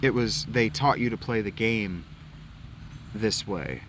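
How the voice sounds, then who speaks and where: This let's play gamer from Ohio, USA, speaks at a slow pace in a fairly low voice, with background noise behind him. While playing a video game, he offers casual, rambling commentary, reminiscing and swearing offhandedly.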